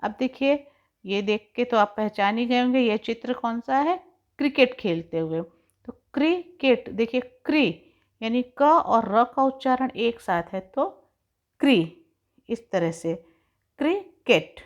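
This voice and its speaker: A woman teacher giving a recorded lesson to young pupils, slowly spelling out and stretching sounds to show how words are said. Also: fairly high pitch, lively intonation. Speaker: primary school teacher. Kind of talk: slow, carefully articulated recorded lesson. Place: home, recording an online class. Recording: dull lo-fi recording.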